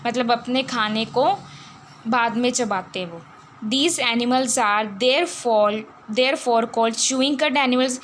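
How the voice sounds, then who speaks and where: Over a bit of background noise, an Indian-accented woman with a fairly high voice teaches science. She reads English lines slowly and explains them in Hindi mixed with English, posing questions to herself and repeating words as she goes.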